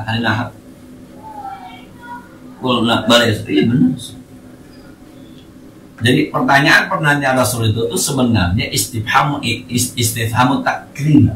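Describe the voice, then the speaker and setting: A man teaching a mosque study lecture, lively and teasing, mixing colloquial talk with quoted Arabic. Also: medium pitch, echoey room, distant mic, a little hiss or hum, low-quality recording. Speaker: religious teacher. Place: mosque hall.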